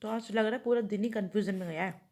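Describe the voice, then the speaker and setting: A woman's voice: medium pitch, fast talker, darkish tone. Chatty woman vlogging from home. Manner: rambling, thinking aloud to viewers. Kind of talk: casual chatty home vlog.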